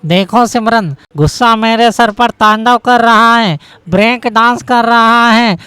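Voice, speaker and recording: A voice actor playing a hot-tempered young husband in a cartoon story, blustering and quick to rage. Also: medium pitch, sharp tone, clean tone. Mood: raging. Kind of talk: cartoon voice acting.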